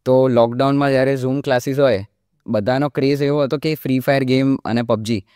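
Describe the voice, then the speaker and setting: A man's voice: medium pitch, a little fast, clean tone, no echo, clean studio sound. A young man in his early twenties, a mimicry artist from India, talking casually as a podcast guest and sprinkling in English fillers. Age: young adult, early 20s. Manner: relaxed explaining, often drops in English fillers like "like". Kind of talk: casual interview talk.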